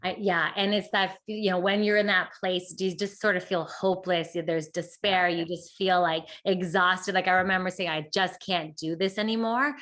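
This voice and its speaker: A woman's voice: lowish voice, little pitch movement, a bit bright. Passionate woman author, chatty. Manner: passionate, talks in quick bursts with many "like" fillers. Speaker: author and guest. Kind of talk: casual interview conversation.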